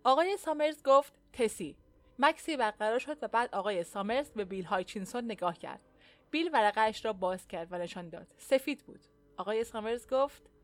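A woman narrating an audiobook in a measured, even storytelling manner. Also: a little high.

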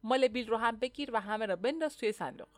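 Brisk, commanding male village official in a storybook, voiced by a woman. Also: on the high side, dry recording, natural voice.

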